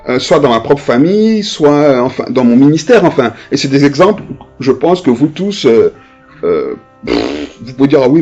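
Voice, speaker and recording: A male pastor gives a chatty, animated sermon, full of hesitations and restarts. His slightly high, husky voice rises and falls widely as he acts out characters from his examples. The recording is dull and lo-fi, with faint music underneath. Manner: conversational, with many hesitations and restarts; animated, acting out voices of people in his stories.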